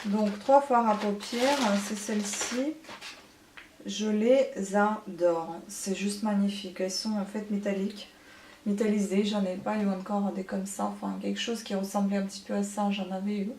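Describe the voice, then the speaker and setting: A woman's voice: medium pitch, fairly even intonation, normal speed, darkish tone, a little hiss or hum. Woman beauty vlogger, casual haul chat, hesitant fillers, echoey room. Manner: chatty, many hesitant fillers.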